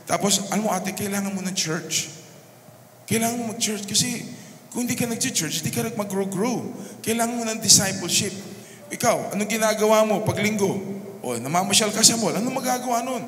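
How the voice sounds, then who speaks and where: A man's voice: high-pitched, a little fast, a bit bright, slight background noise. A middle-aged Filipino man preaching as a pastor, mixing English into his sermon and calling for amens. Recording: echoey hall with faint ambience.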